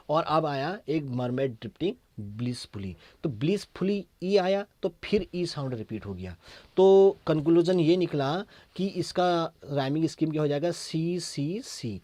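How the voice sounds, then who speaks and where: A man teaching an English lesson in Hindi, mixing in English, with an Indian accent. He repeats key points, checks with the class through short questions, and reads English verse lines slowly. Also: fairly high pitch, darkish tone, dry recording.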